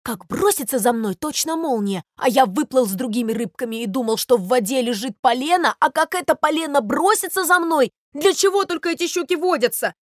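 A woman's voice: high voice, expressive, brisk, few pauses, dry recording, clean studio sound. A woman voicing a sly male ruff fish, a chatty prankster, in a storybook reading. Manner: sly, chatty, excusing himself.

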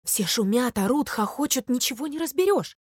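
A woman narrating a fairy tale in a calm, even storybook reading. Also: high voice, normal speed, breathy edge, no echo, clean studio sound.

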